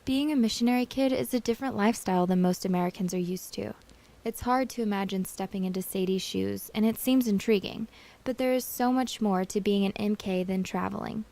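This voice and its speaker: A woman narrates a short student news feature in a clear, scripted read. She sets up the interview clips and links them together as the reporter. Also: medium pitch, a little fast, dark tone.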